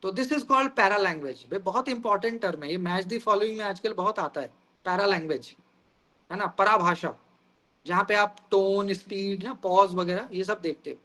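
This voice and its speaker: A male teacher delivers a lecture in a high, bright voice. He explains each idea through everyday examples and keeps turning to the class with questions. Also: moderate pace. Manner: explains with everyday examples, often asks "guys".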